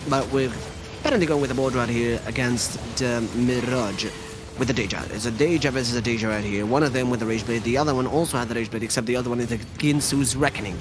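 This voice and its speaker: A man giving lively play-by-play commentary on a live esports match, his voice leaping up on big moments. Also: noisy background. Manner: excitable play-by-play, pitch leaps on big moments. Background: background music.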